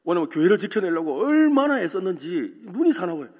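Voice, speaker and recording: A man's voice: sits high, big pitch swings, a little fast, a little mellow, breathy edge. A man preaching a sermon as pastor, telling a story and asking the congregation questions. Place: church sanctuary. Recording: echoey church hall with long reverb.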